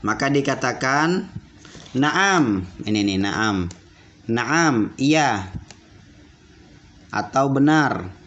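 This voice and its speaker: A man teaching basic Arabic to children, repeating words slowly and checking that they understood. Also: medium pitch, animated, fairly bright tone. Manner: repeats words slowly and asks questions back. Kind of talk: classroom lesson for children. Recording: dull lo-fi audio with faint room noise.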